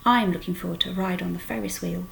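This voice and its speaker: A woman's voice: fairly low pitch, fairly even intonation, fast talker, vocal fry, fairly bright tone, slight background noise. A woman reading aloud and voicing an eager, emotional young girl. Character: caring excitable young girl.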